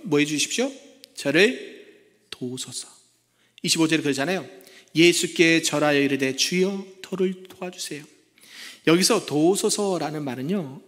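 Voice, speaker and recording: A man, a senior pastor, preaching a sermon in a church and asking the congregation rhetorical questions, moving between loud pleas and hushed asides. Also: a little high. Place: church sanctuary. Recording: long echo of a church hall.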